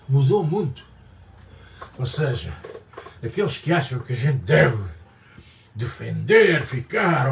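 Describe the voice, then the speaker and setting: An older Portuguese man with a European Portuguese accent offers his opinions in a casual vlog monologue that rambles and digresses, with frequent emphatic repetition. His voice sits in the mid-range with slight background noise, picked up by a distant mic in a roomy space with faint ambience.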